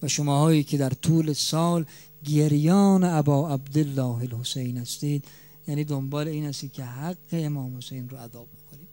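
A man preaching a mourning sermon, his voice swelling loud and dropping soft, stretching key words slowly for emphasis. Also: fairly high pitch.

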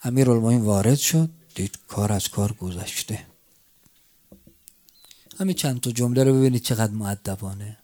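Preacher, swinging loud to hushed. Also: male voice, lowish voice, long pauses. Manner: swings between loud cries and hushed near-whispers, tearful chant. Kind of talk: mourning sermon.

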